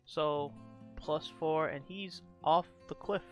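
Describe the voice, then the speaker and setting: A man's voice: a little high, fairly even intonation, takes it slowly, soft background music. A man running a tabletop game as game master, explaining rules with frequent hesitations.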